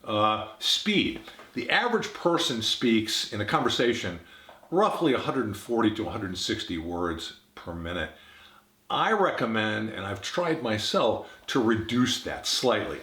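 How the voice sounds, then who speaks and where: A man's voice: fairly low pitch, a bit bright, roomy sound. A man giving an instructional talk on communication, demonstrating different tones of voice as he explains them. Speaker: communication trainer.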